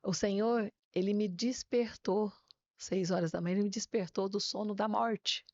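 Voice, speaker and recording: A woman pastor telling her personal faith testimony as a guest, a lively storyteller who often ends phrases with a tag question. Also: medium pitch, normal speed, no room sound, muffled recording.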